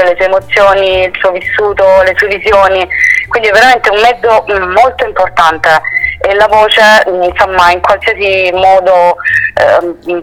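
A male singer-songwriter answering interview questions thoughtfully, pausing often to search for words. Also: high-pitched, fairly bright tone, poor audio. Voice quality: soulful voice.

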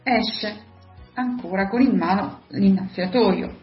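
A woman narrating the stage directions of a radio drama in an even, steady reading. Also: medium pitch, slow. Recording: roomy, slightly dull radio recording, faint music.

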